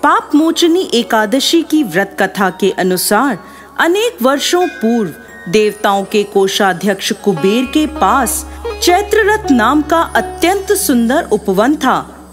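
A woman narrating a devotional fasting story in a measured, formal recitation. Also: a little high.

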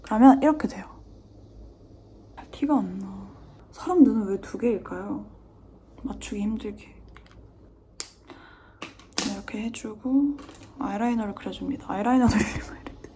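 A young woman chats through her daily makeup routine in a soft, mellow voice, talking to herself as much as to the viewers. When she concentrates she drops to a near-whisper. A faint hum of room noise sits behind her. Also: medium pitch, measured pace, long pauses. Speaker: beauty vlogger. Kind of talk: chatty get-ready-with-me makeup vlog.

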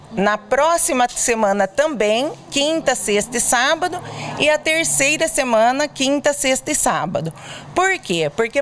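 Earnest volunteer woman, halting speech. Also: on the high side, a little hiss or hum. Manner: earnest, explanatory, many hesitant fillers. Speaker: charity volunteer interviewee. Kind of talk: on-camera interview. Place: indoors at a clothing bazaar. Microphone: handheld reporter mic.

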